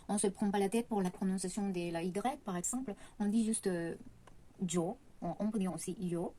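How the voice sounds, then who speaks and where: A Latin American woman whose first language is Spanish gives a casual online lesson as a language teacher. Her mid-range voice is warm, and she speaks hesitantly, with many fillers and self-corrections.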